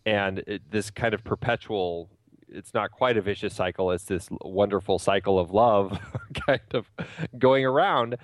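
A middle-aged man with a somewhat low voice reflects on movies in a measured, thoughtful way and laughs easily. He is recorded close up on a podcast mic. The sound is dry, with no room echo. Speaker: podcast co-host. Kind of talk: casual film discussion.

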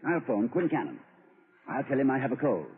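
A man's voice: medium pitch, very animated, fairly quick, a little hiss or hum, natural voice. A man playing a grandiloquent, whimsical college president. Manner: grandiloquent, playful, poetic flourishes. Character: whimsical, pompous middle-aged male college president. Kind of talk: 1940s radio acting. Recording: tinny old radio broadcast.

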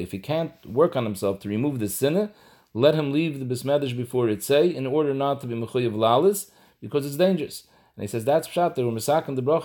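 A man's voice: mid-range voice, a little mellow. A man giving a halacha lesson, explaining steadily and mixing Hebrew and Yiddish terms into his English. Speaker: Torah teacher.

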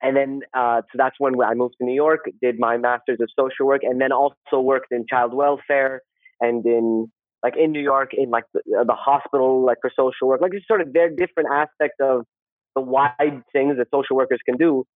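Male interview guest, conversational and halting with repeated phrases, close dry sound with limited bandwidth. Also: mid-range voice, steady tone, no echo, phone-quality sound. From Saudi Arabia. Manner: rambling, halting, repeats words and phrases, often tags "right?". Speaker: podcast guest, social worker. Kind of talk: casual interview, personal storytelling.

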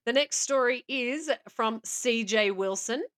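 A woman's voice: a little high, a little slow, a bit bright. A woman co-hosting a casual podcast, reading out stories with playful asides and laughter. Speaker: podcast co-host.

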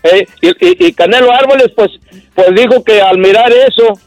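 A man's voice: very high voice, expressive, no echo, soft background music, low-quality recording. A man co-hosting a radio comedy show, rambling and repeating himself. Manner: rambling, repeats words, halting.

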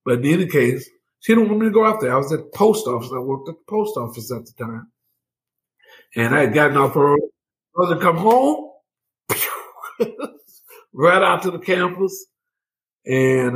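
A man in his seventies from Mississippi, telling a first-hand story as an interview guest in an animated, laughing way. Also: medium pitch, rough recording. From Mississippi, United States. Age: 70s.

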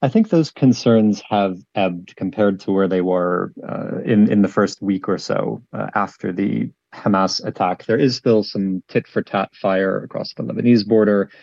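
A man working as a foreign correspondent, giving measured, explanatory news analysis in an interview over a remote line. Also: fairly low pitch, vocal fry, a little mellow, dry recording, muffled recording. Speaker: Middle East correspondent.

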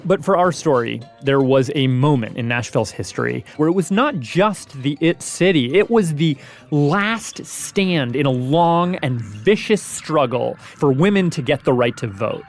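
A man narrating a radio documentary in a brisk, lively storytelling manner. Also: a little high, faint music behind.

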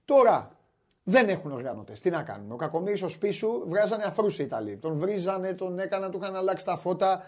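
A man hosting a basketball talk show, chatting animatedly and wryly, often restarting his sentences. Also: sits high. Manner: animated, wry, many restarts. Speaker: sports show host. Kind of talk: casual basketball chat.

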